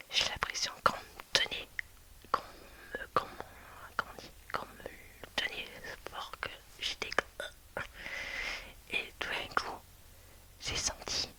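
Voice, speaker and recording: A video creator whispers a personal story to her viewers. She sounds hushed and hesitant, restarting often and leaning on lots of fillers.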